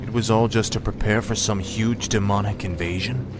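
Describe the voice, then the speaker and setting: An actor playing a cruel fallen prince, menacing and imperious, as a villain in a video game. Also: male voice, on the low side, steady tone, moderate pace, over music, natural voice. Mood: questioning, wary. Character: cruel fallen prince, cold undead champion of darkness.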